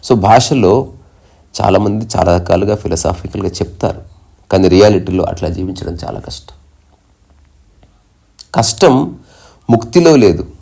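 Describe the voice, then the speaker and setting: Deep gravelly man giving a spiritual discourse. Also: mellow. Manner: chants Sanskrit verses slowly, then explains them plainly. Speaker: spiritual teacher.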